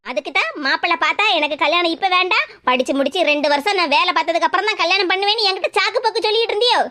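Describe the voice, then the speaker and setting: Woman doing a squeaky scolding cartoon mother. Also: racing, sharp tone. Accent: Kanyakumari Tamil. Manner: scolding, nagging. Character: scolding suspicious mother of a grown daughter. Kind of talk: cartoon comedy dub.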